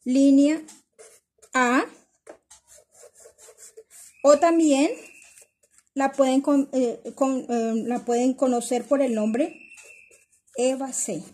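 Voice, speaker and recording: A middle-aged woman teaches a pattern-making class in a slightly high, husky voice. She talks her students through each step patiently, repeating the numbers and calling them "my girls". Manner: patient, explains slowly and repeats measurements; addresses students warmly as "my girls". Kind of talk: step-by-step instructional lesson.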